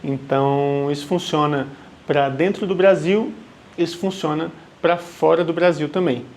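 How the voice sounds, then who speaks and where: Speaking at a measured pace, this man has a slightly high, darkish voice with fairly even intonation, and a bit of background noise is audible. He's a live wedding painter from Salvador, Bahia, Brazil, warmly reassuring viewers as he answers their questions on camera and frequently checks in with them.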